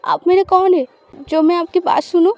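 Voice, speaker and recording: A woman reads out a wounded, defiant young bride in an audio story, her high voice pushing back in bitter protest. The tone stays mellow and soft-edged even when she pleads. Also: moderate pace. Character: hurt, defiant young woman resisting her new spouse.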